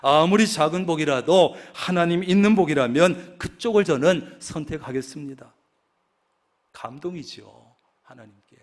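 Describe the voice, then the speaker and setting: A man's voice: on the high side, normal speed. A male pastor preaching a sermon, telling stories and acting out the voices he quotes.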